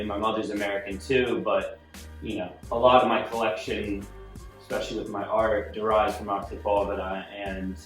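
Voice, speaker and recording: A man in his thirties from Italy, an art collector and gallery owner, talking in a casual, halting way and often saying "you know". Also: on the low side. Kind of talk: casual interview monologue. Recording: roomy sound from a distant mic with faint music.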